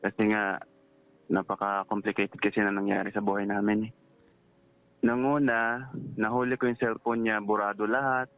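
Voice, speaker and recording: A man in his thirties, a security guard calling in to an advice show, retelling his story in a rambling, halting way with many fillers. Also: lowish voice, level tone. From Philippines. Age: 30s. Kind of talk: phone-in advice call. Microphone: phone. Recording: tinny phone line.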